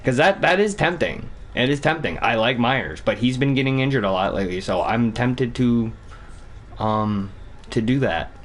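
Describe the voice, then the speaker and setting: A young man from Vermont streaming a hockey game, chatting casually and thinking out loud with some cursing. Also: medium pitch, animated, moderate pace. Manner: rambling, cussing, thinks out loud. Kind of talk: casual gaming commentary.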